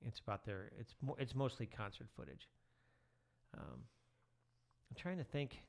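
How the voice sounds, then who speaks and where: A man's voice: mid-range voice, measured pace, creaky. A middle-aged man, a teacher, chatting casually as a podcast guest with lots of fillers. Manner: relaxed, rambling with many fillers. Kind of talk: casual chat.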